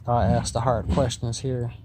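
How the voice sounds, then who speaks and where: A man tripping on mushrooms, a vlogger, delivers a spaced-out, drifting, repetitive philosophical monologue aimed at the listener. His mid-range voice moves little in pitch and runs a little slow. The recording is noisy, with vehicle-like ambient sound.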